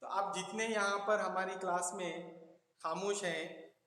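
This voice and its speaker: A man's voice: high voice, steady tone, unhurried, sharp tone. A man teaching an online class, going over each point again and again, mixing English with Hindi. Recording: echoey, roomy with long reverb.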